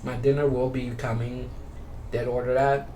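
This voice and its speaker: A man with a mid-range voice talks casually at a moderate pace as a gaming YouTuber, rambling, repeating phrases, and now and then reading game text aloud. The mic sits far off in a roomy space with steady background noise.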